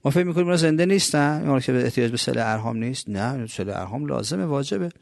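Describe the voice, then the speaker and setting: A man preaching a colloquial religious sermon, asking his listeners rhetorical questions and swinging between loud, pressing emphasis and soft asides. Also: medium pitch, expressive, creaky, no echo.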